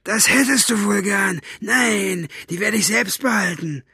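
Man voicing a sneering thug henchman, pitched high, mocking, storybook audiobook. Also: unhurried, vocal fry, pushed and bright, slightly rough, no room sound, clean studio sound, exaggerated voice. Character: sneering brutish male henchman.

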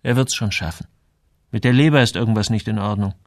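A man voicing an earnest, quick-tempered young sailor visiting home, in an audiobook. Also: lowish voice, dry recording, studio quality, close to an everyday voice. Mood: annoyed. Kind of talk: audiobook character voice.

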